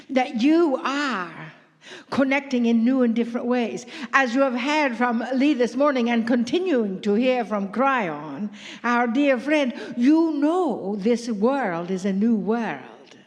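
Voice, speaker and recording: A woman's voice: a little high, animated, takes it slowly, long reverb tail. A woman voicing a playful, affectionate spirit collective speaking to a live audience in a large room. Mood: earnest. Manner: playful, laughing, addresses crowd as dear ones. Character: group spirit channeled, playful, grandly affectionate. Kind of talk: channeled message to a live audience.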